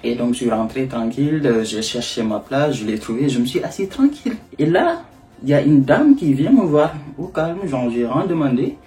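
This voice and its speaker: Young guy from senegal telling a story on camera, chill mellow voice, laughs a lot and acts out the other people. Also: mid-range voice, sing-song, normal speed, faint music behind. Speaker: vlogger. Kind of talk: casual storytelling.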